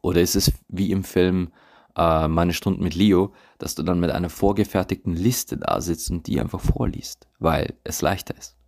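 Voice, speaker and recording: A man with a very low voice, full of gravel and fry. He talks in a podcast monologue as a coach, intimate and emphatic, and at times he sinks to a whisper. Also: moderate pace, a little mellow. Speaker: podcast host and tantra coach. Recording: recorded without usual laptop setup.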